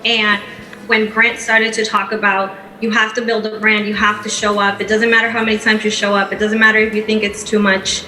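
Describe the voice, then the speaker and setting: Upbeat woman, bright voice. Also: medium pitch, flat delivery, a little fast, slight background noise. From Peru. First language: Spanish. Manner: upbeat, laughs easily. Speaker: guest entrepreneur. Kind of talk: onstage interview. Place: event stage. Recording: echoey event space.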